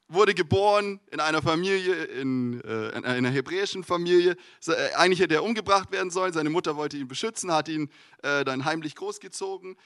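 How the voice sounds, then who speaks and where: Young male preacher, easygoing and slangy, keeps saying "uh," pitched a bit high and recorded dry. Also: no echo. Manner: relaxed, slangy, many filler sounds. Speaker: youth retreat preacher. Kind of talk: casual sermon with Bible reading.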